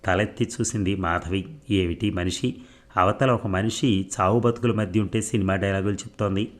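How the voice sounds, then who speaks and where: A man narrates a serialized novel in a steady, even storytelling delivery. His voice sits low and deep, suited to a long audiobook reading. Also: normal speed.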